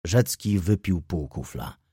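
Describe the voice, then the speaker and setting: A male narrator reads a novel aloud with an expressive delivery. His voice is husky and moves lively through its range. The recording is close and dry. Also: sits low, a little slow, dry recording. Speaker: audiobook narrator. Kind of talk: scripted narration.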